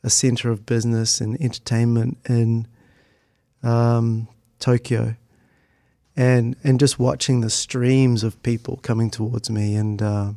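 Here a middle-aged Christchurch man, New Zealand accent and all, recalls things hesitantly and conversationally as an interview guest. The voice is mellow and mid-range with little pitch movement, and his thoughtful delivery halts along the way. It's a clean studio recording with no room sound.

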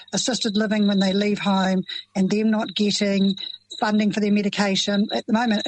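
This low-quality recording captures a middle-aged New Zealand woman in a mid-range voice, giving emotional interview answers about being a parent of children with FASD. She's earnest, passionate, and plain-spoken.

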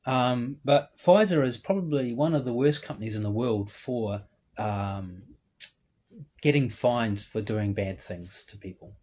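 A man's voice: medium pitch, measured pace, a little mellow, muffled recording. A man talking as a guest in an interview. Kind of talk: casual interview talk.

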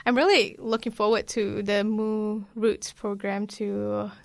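A woman's voice: mid-range voice, flat delivery, measured pace, gravelly, no room sound. A woman from Malaysia, hosting an interview with a hesitant manner full of "like" and "um". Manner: warm, hesitant, many "like" and "um" fillers. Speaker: interview host. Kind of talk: casual interview.

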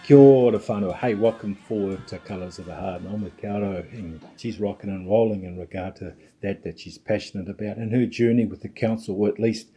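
A man's voice: fairly low pitch, brisk, few pauses, mellow, breathy edge. A man in his sixties with a New Zealand accent, hosting a conversational interview and circling his way towards each question. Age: 60s. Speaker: show host.

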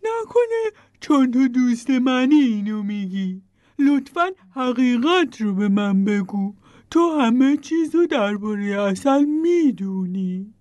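A woman voicing a gentle, gloomy bear in a storybook, speaking softly and hesitantly. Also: fairly high pitch, big pitch swings, no echo. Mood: doubtful. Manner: soft, hesitant and sighing. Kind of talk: storybook voice acting.

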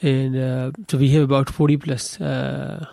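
A man's voice: mid-range voice, little pitch movement, measured pace, creaky, warm tone, no echo. A young man from Pakistan, a guest on a radio studio interview, speaking hesitantly with many fillers.

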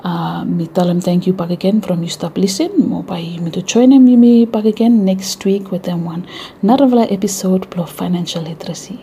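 Mellow Vanuatu woman speaking Melanesian pidgin. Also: lowish voice, brisk, a little hiss or hum. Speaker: radio show host. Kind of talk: informal educational radio talk.

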